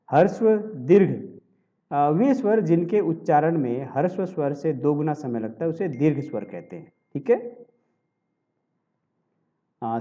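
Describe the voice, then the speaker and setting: A man teaching a Hindi grammar lesson for exam preparation, explaining step by step and often pausing to check in with his students. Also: on the high side, dark tone, muffled recording. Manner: explanatory, checks in with repeated tag questions.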